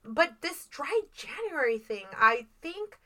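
Animated, bright-voiced mom podcaster. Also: female voice, sits high, slow pace. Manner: animated storyteller who swears freely. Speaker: podcast co-host. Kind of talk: casual chat.

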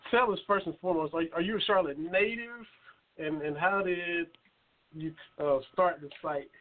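A man's voice: high-pitched, normal speed. A man hosting a sports talk show, introducing a guest in an easygoing way. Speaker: host. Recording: phone-quality audio.

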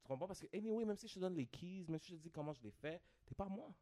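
A man's voice: high voice, lively intonation, rapid-fire, warm tone. A man with a Quebec French accent, chatting on a podcast as a guest, mixing English slang into his French and often asking "tu comprends?". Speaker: podcast guest, content creator. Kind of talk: casual podcast chat.

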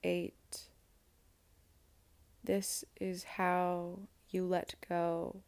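A woman guiding a meditation in a slow, soft, soothing voice with long pauses. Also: fairly low pitch, completely flat delivery, vocal fry, clear, resonant tone, no room sound. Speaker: meditation guide. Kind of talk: guided meditation.

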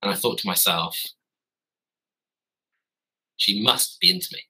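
Very animated and a little slow, this man in his thirties has a fairly low, bright, forceful voice with some roughness. A guest on a podcast, he tells casual stories from his garden office in a wry, rambling way, fixing his own wording along the way, over a rough recording.

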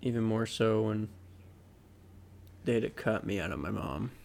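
Gravelly young man, teasing podcast banter. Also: on the low side, moderate pace. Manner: teasing, crude jokes, deadpan asides. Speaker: podcast co-host. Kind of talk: casual chat.

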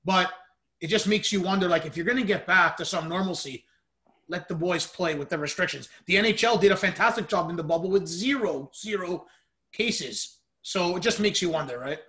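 A man's voice: sits high, fairly quick, bright, forceful tone. A man hosting a podcast, chatting casually about sports. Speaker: podcast host.

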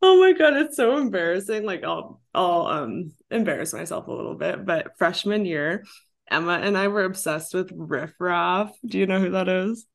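A woman's voice: on the low side, moderate pace, creaky. A young woman in her twenties hosting a casual podcast chat, giggling often and saying "like" constantly. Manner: giggly, says "like" a lot. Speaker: podcast host.

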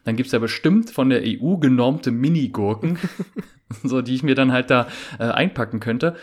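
A young man chatting casually on a podcast, speaking at a middling pitch. He rambles, restarting his sentences and filling the gaps with "äh" and "ähm". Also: lively intonation, normal speed. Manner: rambling, many fillers and restarts. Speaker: podcast co-host. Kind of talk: casual chat.

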